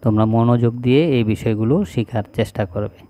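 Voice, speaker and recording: A male teacher, slowly reciting a spelling lesson item by item in an even drill. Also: mid-range voice. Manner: slow, even, drilling one item after another.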